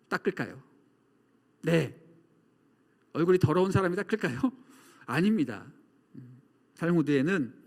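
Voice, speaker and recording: A man with a high, lively voice gives a sermon in a large church sanctuary. He tells stories and acts out shouting and echoing calls. His voice rings with long church-hall reverb. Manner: preaching with acted shouts and echoes. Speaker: pastor.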